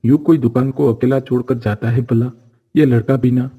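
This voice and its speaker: An actor playing a greedy, short-tempered village juice seller who scolds harshly, in a cartoon story. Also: male voice, mid-range voice, fairly even intonation, moderate pace, dark tone, breathy edge, muffled recording. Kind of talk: Hindi cartoon voice acting.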